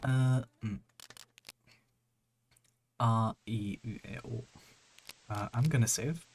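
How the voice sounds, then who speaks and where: Casting: jumpy, scared horror game streamer, medium-pitched, live play commentary.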